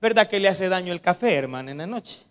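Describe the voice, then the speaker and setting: A male pastor delivers a lively Sunday sermon. His voice sits high for a man, and he keeps turning to the congregation as brothers and sisters. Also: fast, smooth. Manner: animated, addresses listeners as brothers.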